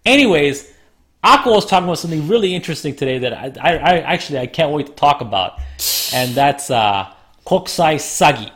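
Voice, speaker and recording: A man co-hosting a relaxed chat show, his voice a little hoarse and rough from a lingering sore throat. He talks in loose, rambling stretches and often restarts his sentences. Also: a little high, fairly quick. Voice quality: slightly rough, smoker-like. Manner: rambling, self-correcting. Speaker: podcast co-host. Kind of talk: casual chat.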